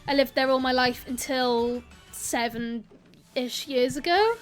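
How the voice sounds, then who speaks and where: A young woman from South Wales, with a South Welsh accent, chats casually on a live stream while gaming, her voice bright and high and her pace slow. Chatty and giggly, she wanders between topics with rambling asides, laughs a lot and greets viewers by name. Quiet game music plays behind her.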